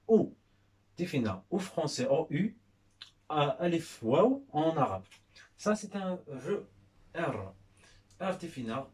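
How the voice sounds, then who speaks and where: A man giving a language lesson, patiently naming and repeating each letter's sound. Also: mid-range voice. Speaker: teacher. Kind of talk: slow spoken language lesson.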